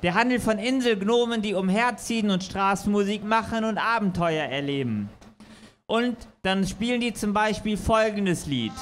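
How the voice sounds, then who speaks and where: A man's voice: high voice, expressive, moderate pace. A man from Berlin chatting hesitantly between songs at a live outdoor concert, with frequent filler sounds. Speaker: singer-songwriter performing live. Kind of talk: stage patter between songs. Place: outdoor stage under a bridge at a street festival. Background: accordion music.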